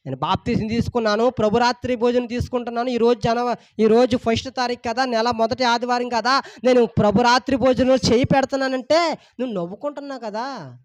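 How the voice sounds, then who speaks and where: A pastor preaches with emphatic, repetitive phrasing, pressing each point again and again. His voice sits notably high for a man. The recording is dry and close, with no room echo. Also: steady tone, a little fast. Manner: emphatic, repetitive preaching with rising and falling intensity. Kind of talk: sermon.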